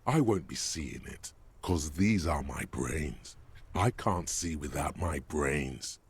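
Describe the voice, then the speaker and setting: An actor playing a detective's smug, needling inner voice that also narrates a game. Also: male voice, extremely low pitch, takes it slowly, slightly rough, exaggerated voice. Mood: sardonic. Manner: sardonic, needling.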